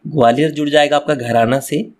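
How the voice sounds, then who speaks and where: A man's voice: fairly high pitch, steady tone, brisk, a little mellow. A man teaching a class, going through textbook answers step by step, often speaking to the children directly and repeating himself. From Madhya Pradesh, India. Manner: repeats phrases, addresses children directly, restarts words. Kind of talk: exam answer walkthrough lesson.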